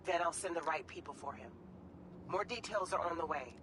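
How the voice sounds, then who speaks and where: An actor playing a calm adult male mission contact in a video game, speaking briskly. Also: on the high side, close to an everyday voice. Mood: businesslike. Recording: game audio with ambient vehicle noise.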